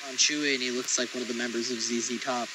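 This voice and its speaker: A man's voice: mid-range voice, flat delivery, fast. A man co-hosting a casual show, teasing his partner and chatting easily about a film trailer. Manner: easygoing, teasing, soft-spoken asides. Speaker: podcast co-host. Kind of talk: casual chat over a trailer. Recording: noisy home recording with hiss.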